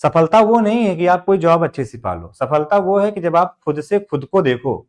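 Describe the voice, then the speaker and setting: A man with an Indian accent teaches English grammar in a live online class, using a fairly high, very animated voice at a normal speed. He jokes his way through mnemonic tricks, reads out viewers' names, and keeps things motivational.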